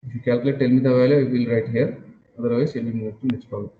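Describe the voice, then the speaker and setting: A man lecturing an online engineering class, captured as a screen recording, talking haltingly with repeated phrases and "uh" fillers. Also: mid-range voice, steady tone. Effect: screen-recorded online class audio. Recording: dull lo-fi roomy sound with faint noise.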